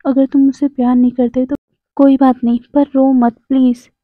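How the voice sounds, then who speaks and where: A woman's voice: sits high, little pitch movement, moderate pace, dry recording, close to an everyday voice. Woman voicing a pleading young man, phone-like. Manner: pleading, apologetic, stammering. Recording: tinny phone-like dry sound.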